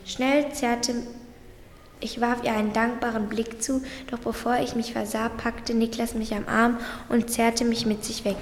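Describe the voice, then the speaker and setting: Woman, storybook reader, high voice, long reverb, faint background noise. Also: level tone, unhurried. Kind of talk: reading a story aloud.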